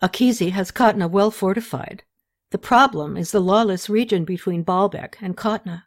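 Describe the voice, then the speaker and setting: A woman voicing a soft-spoken, loyal male royal scribe who delivers bad news quietly. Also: lightly acted. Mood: grave. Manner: quiet, low and measured.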